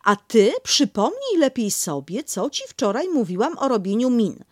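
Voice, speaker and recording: A woman voicing a motherly female kangaroo who talks slowly, doting but firm, in a storybook reading. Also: a little high, very animated, no room sound, clean studio sound, pitched above the performer's own voice. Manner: slow, doting, bossy.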